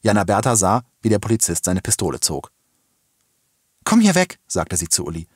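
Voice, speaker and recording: Low husky guy reading a book aloud, super expressive, dry close mic. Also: fast talker, no echo. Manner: expressive, dramatic storytelling. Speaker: podcast host reading a novel excerpt. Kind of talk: expressive reading of a children's novel.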